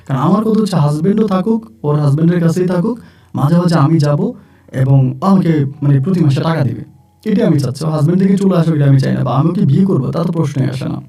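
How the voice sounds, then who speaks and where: A man's voice: on the high side, very fast, warm tone, slightly rough. A man telling his own true-life story in plain, conversational first-person narration, often repeating himself. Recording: distant mic with faint music.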